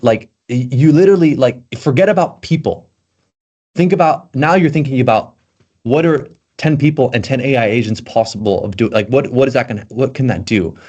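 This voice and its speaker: A Belgian man with an American accent, a tech content creator, talks eagerly as a guest on a casual podcast, loosely stuffing his speech with "like." His voice is medium-pitched, fairly quick and darkish, with a breathy edge and a lo-fi sound.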